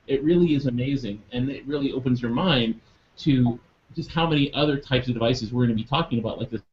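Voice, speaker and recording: A podcast host with a mid-range, darkish voice talks fast during a casual live webcast, rambling with lots of ums and uhs. The audio is dull and lo-fi, with faint background noise.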